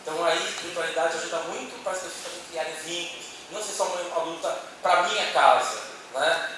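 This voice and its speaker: A man's voice: fairly high pitch, fast, distant mic. Brazilian guy talking to a crowd in a big echoey hall, a bit off the mic, noisy, keeps asking "né". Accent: Brazilian Portuguese. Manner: conversational, frequent tag "né", questions to the audience. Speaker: speaker on a church panel. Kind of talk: informal talk to an audience. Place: meeting hall with an audience. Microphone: handheld microphone.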